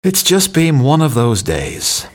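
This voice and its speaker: Speaking slowly, this man has a slightly high voice with big swings in pitch. He reads learners a series of brief everyday sentences, giving each its own acted intonation.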